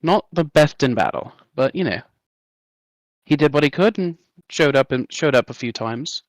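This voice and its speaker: A man's voice: a little high, lively intonation, moderate pace, no echo. Playful man in tabletop role-play. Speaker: player.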